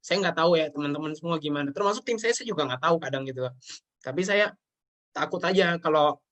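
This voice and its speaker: A man's voice: fairly high pitch, quick pace, fairly bright tone. A young man, a show guest, talking earnestly about his life and work, sometimes near tears. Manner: earnest, often addresses listener as sir. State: tearful at times. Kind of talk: emotional personal talk.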